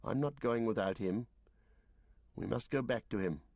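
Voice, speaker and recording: A man voicing an earnest young male hobbit who coaxes and pleads softly but firmly. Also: mid-range voice, moderate pace, gravelly, no echo, muffled recording. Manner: soft, pleading, firm.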